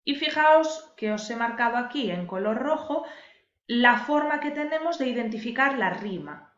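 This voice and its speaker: A woman's voice: a little high, lively intonation, moderate pace, a bit bright. A woman teacher, patiently explaining a lesson and stressing key words for her viewers. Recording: echoey room, dull lo-fi sound.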